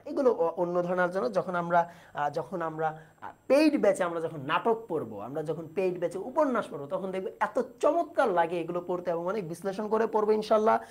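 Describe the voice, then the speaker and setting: A woman's voice: lowish voice, darkish tone. Female tutor for a livestreamed exam-prep class: patient, explains step by step, quizzes students, reads their comments aloud. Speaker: teacher.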